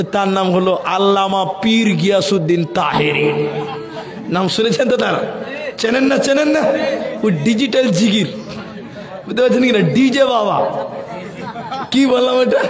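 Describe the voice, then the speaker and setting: A man from Assam preaching a live sermon with an Assamese Bengali accent. He tells lively anecdotes, acts out the people in them and chants Arabic verses in a sung tone. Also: high-pitched. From Assam, India. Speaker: Islamic preacher. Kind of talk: live open-air sermon. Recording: echoey public-address sound with long reverb.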